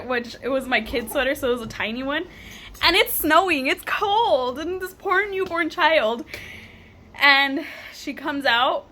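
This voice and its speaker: A young woman vlogger telling a story animatedly, laughing often and acting out what people said. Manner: animated, laughs often, acts out quotes in higher voice. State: tearful at moments. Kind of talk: casual storytime vlog.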